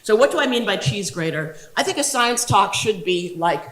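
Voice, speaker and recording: A woman's voice: medium pitch, lively intonation. Playful woman lecturing in an echoey room. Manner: playful, theatrical, quick asides. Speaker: science communication lecturer. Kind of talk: humorous workshop talk.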